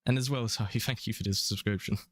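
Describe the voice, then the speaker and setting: Rambling young Londoner streaming a game. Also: male voice, on the low side, fairly even intonation, quick pace, dry recording, studio quality. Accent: London English. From England. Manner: rambling, chuckling, casual swearing. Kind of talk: casual live-stream commentary.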